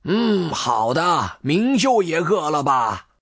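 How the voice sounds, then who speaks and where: A woman's voice: deep voice, sing-song, slow, vocal fry, husky, no echo, studio quality, voice pushed down, heavily acted. A woman voicing a kind, doting old grandfather in a storybook reading. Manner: warm, teasing, modest.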